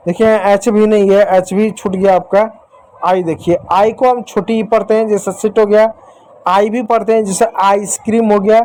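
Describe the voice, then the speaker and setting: A male teacher patiently explaining a lesson to children, repeating reminders and slowing down to sound out example words. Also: high voice, flat delivery, a little mellow, low-quality recording. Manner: slows down to spell out example words.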